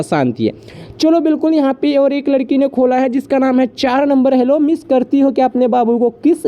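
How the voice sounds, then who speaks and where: A man's voice: extremely high pitch, highs cut off. A man hosting a live app room, rattling off welcomes, rhyming banter and orders to the members. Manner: fast teasing patter, rhyming banter, shouts orders. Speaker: live stream host.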